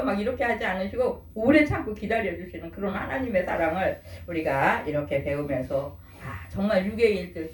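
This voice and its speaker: An older woman pastor giving a conversational sermon, often putting questions to the congregation. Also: mid-range voice. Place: church. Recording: echoey room from far off.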